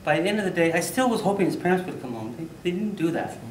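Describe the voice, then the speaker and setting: A man giving a humorous storytelling speech at a contest, animated, with loud bursts for sound effects. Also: high voice, quick pace, a little hiss or hum. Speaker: contest speaker. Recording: echoey hall, mic from far off.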